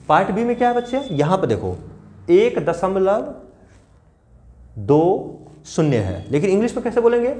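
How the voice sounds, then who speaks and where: Indian male math teacher, slightly high voice, animated, coaxing children through each step. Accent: Indian English. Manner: addresses pupils as children, repeats and checks "ठीक है?". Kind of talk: classroom math lesson.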